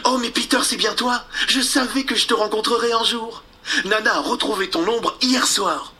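A man's voice: very high-pitched, normal speed, pushed and bright, voice pushed up, exaggerated voice. Wendy, a man voicing a dreamy girl. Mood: delighted. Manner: earnest and gushing. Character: dreamy, sensible young girl storyteller.

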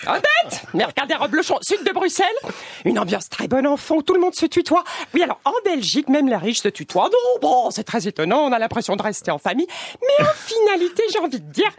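A woman's voice: huge pitch swings, a little fast, dry recording, clean studio sound, heavily acted. A woman voicing a snobbish, gushing rich French society lady with a French accent, in a radio comedy sketch. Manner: affected, gushing, swooping pitch. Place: radio studio.

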